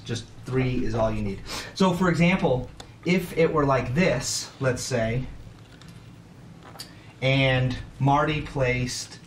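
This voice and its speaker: A man explaining the rules of a board game to players at a table in a casual, chatty way, laughing often. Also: medium pitch. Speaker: game teacher. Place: room around a table game. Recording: echoey room from a distance, faint noise.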